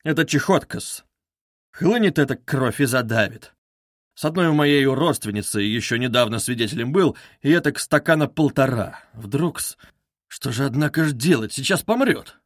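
A man reading aloud and voicing a polite, softly muttering older civil servant. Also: medium pitch, expressive, moderate pace, dry recording, clean studio sound, close to an everyday voice.

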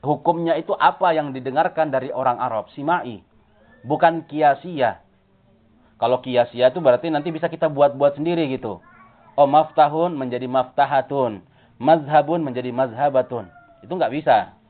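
A man's voice: medium pitch, moderate pace. A man teaching an Arabic grammar class, explaining step by step and checking whether the class understands. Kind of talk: classroom lesson. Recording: tinny phone-like audio.

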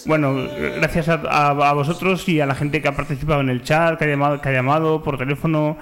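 A man co-hosting a radio show, talking in a relaxed, thoughtful way. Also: on the high side, quick pace. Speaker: radio co-host. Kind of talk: casual radio chat.

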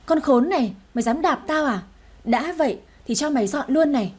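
A woman's voice: high voice, lively intonation, brisk, a little mellow. A woman doing a rude, spiteful young woman. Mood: sneering. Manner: insulting, sneering.

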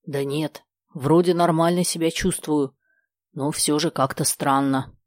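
A bewildered elderly shop appraiser, read by a woman narrator in an audiobook. He talks quietly and in a puzzled way, in a low, dry voice. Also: steady tone, measured pace, dry recording.

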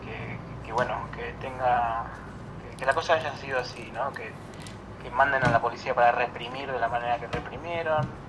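A man calling in to a radio show over the phone, answering questions in a serious, halting way as he searches for words. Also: medium pitch, fairly even intonation. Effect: heard over a phone line. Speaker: caller phoning in from abroad. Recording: noisy phone line.

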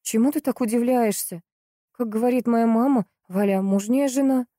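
A woman voicing an anxious young fiancée who speaks high and urgently. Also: steady tone, normal speed, dark tone, no room sound, studio quality, natural voice.

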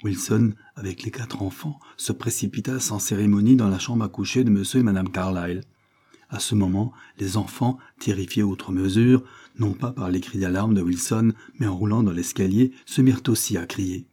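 Low, husky male narrator. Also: moderate pace, dark tone. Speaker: audiobook narrator. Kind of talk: scripted narration.

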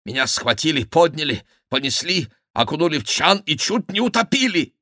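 A man's voice: fairly high pitch, sing-song, normal speed, pushed and bright, no room sound, studio quality, voice pushed up, full character voice. A man voicing a bold young courtier who blusters and swears. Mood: blustering. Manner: blustering, exclamatory. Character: bold young male courtier, swaggering, given to German oaths.

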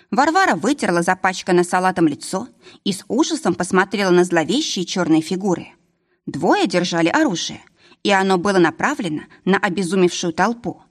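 A woman narrating a novel as an audiobook with steady, even storytelling. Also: lowish voice. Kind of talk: scripted narration.

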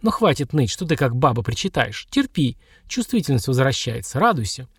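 A man's voice: mid-range voice, big pitch swings, brisk, a bit bright, slightly rough, no room sound, clean studio sound, full character voice. A man voicing a stern old woman healer and witch who scolds brusquely. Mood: stern scolding.

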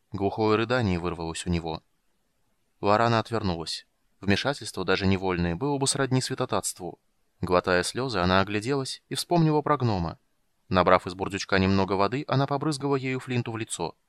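Guy reading a fantasy audiobook, low voice, dry close sound, steady storyteller pace. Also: smooth, no room sound. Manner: measured storytelling reading, voices each character. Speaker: audiobook narrator. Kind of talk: scripted narration.

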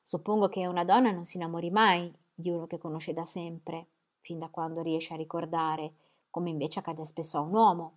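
A woman's voice: fairly low pitch, level tone, normal speed, lightly acted. Fred, an idle proud young man, as a woman reads him. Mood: sulky. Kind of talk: audiobook reading.

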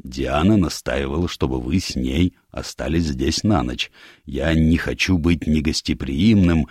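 A man voicing a gruff, disapproving older male admiral in an audiobook, blunt and grumbling. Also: rumbling low, a little slow, darkish tone, no echo, clean studio sound, heavily acted. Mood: disgruntled. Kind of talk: audiobook character voice.

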